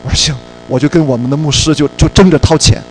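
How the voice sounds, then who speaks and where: A man's voice: a little high, fast, low-quality recording. Storytelling male preacher with faint music. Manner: lively storytelling, mixes in English words. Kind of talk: sermon with a personal story.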